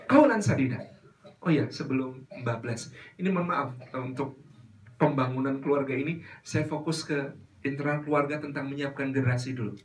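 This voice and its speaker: A man preaching in a lively, teasing way, often turning to address the mothers in the audience. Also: mid-range voice, brisk. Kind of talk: religious lecture. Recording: distant mic.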